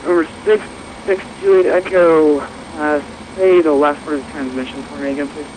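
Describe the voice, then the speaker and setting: A man with a somewhat high voice gives air traffic instructions over the radio. The transmission sits in clear engine and aircraft noise. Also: steady tone, moderate pace, poor audio. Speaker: air traffic ground controller. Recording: radio audio under loud aircraft noise.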